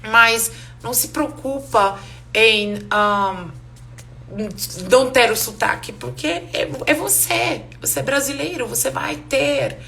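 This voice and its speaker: Teaching a language class live online, this woman from Romania, a native Hungarian speaker with a Hungarian accent, moves back and forth between Portuguese and English with frequent laughter. Her voice runs on the high side, slow, bright and pushed with some vocal fry, and the recording carries a slight hiss or hum.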